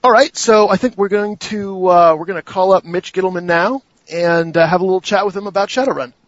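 A man's voice: sits high, brisk, no room sound, lo-fi sound. A man hosting a casual gaming podcast, hesitant and restarting his sentences often. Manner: hesitant, many restarts and fillers. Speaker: podcast host.

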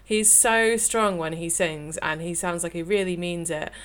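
A woman's voice: fairly low pitch, steady tone, measured pace. A woman with a Northern English accent co-hosting a music podcast, gushing eagerly about a song she loves. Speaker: podcast co-host. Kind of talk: casual music review chat.

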